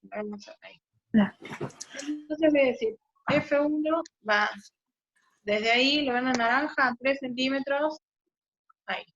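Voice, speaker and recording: A woman's voice: high-pitched, slow pace, long pauses, a bit bright. Woman teaching physics over a video call. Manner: explains step by step, often checks with "¿sí?". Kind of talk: online physics class. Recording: muffled video-call audio, faint noise.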